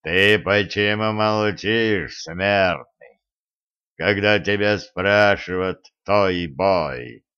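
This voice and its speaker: A man voicing a huge male stone monster that speaks slowly and mockingly in a booming, hollow voice. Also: bright, forceful tone, clean tone, exaggerated voice. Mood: menacing. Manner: slow, drawn-out threatening speech. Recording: dull lo-fi recording.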